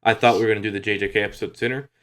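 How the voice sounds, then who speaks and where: Fast-talking young podcast co-host, man. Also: lowish voice. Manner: quick, animated storytelling. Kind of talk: casual chat.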